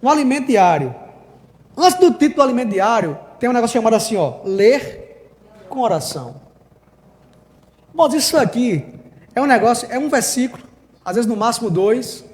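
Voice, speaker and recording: Brazilian male preacher, informal sermon, very high and animated, long church-hall reverb. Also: fast talker. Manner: informal, keeps addressing the congregation as brothers. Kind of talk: conversational sermon.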